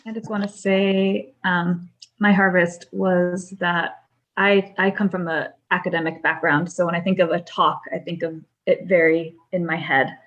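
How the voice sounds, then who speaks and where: A woman taking part in a webinar, sharing her reflections in a halting way that repeats words. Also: on the low side, level tone, a bit bright, muffled recording. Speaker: workshop participant.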